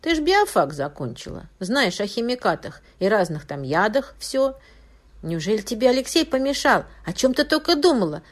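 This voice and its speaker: A woman's voice: fairly high pitch, sing-song, normal speed, voice pushed up. A woman voicing a grieving businesswoman who turns suspicious and accusing. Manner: sobbing, suspicious, hissing.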